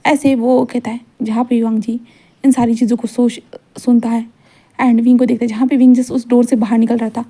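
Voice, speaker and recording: Lady retelling a fanfic super fast, rambly, keeps repeating the same little phrases. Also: fairly high pitch, flat delivery, dark tone. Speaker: storyteller. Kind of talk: retelling a fan fiction story.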